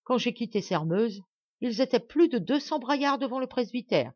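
A woman's voice: fairly high pitch, expressive, moderate pace, darkish tone, breathy edge, dry recording, voice pushed up. Woman reading as raging robust peasant lad, scornful, raised voice, dull dry recording. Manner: heated, scornful outburst. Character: angry young male peasant, robust and furious.

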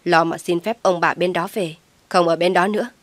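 A woman voicing an enraged middle-aged mother who shouts and scolds harshly, in a dry, close recording. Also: on the low side, fairly even intonation, normal speed, no echo, lightly acted. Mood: stern scolding.

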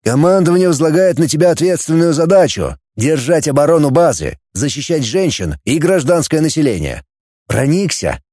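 A man voicing a calm male commander with a dry, gently teasing manner. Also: on the high side, moderate pace, dry recording, voice pushed up. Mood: wry.

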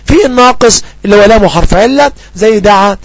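Quick, high-voiced Egyptian teacher. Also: male voice, animated, dry recording. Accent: Egyptian Arabic. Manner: asks quick questions and answers them himself, slows down to read out example sentences. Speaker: Arabic grammar teacher. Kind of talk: grammar lesson.

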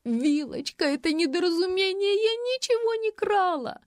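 A woman voicing a frightened, tearful young swindler who pleads in a high voice. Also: lively intonation, unhurried, slightly rough, no room sound, clean studio sound, full character voice. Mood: tearful pleading.

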